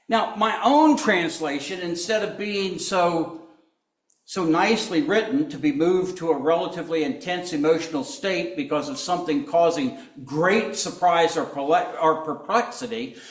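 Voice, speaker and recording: A man's voice: high voice, a bit bright, roomy sound. A man preaching a sermon, telling the story with humor and acting out the quoted lines. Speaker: pastor.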